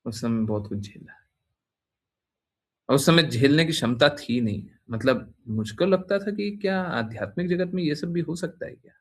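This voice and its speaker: A man's voice: a little high, expressive, moderate pace. Man teasing his devotees with tag questions. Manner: teasing, repeats phrases, frequent "हैं?" tag questions. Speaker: spiritual teacher addressing devotees. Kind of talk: informal devotional talk.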